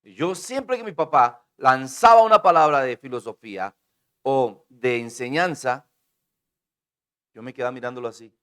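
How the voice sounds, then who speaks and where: A man preaching a sermon to his congregation, swinging between booming declarations and hushed asides and calling on the listeners to repeat his words. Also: moderate pace, clear, resonant tone. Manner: calls on the congregation to repeat and respond. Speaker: pastor.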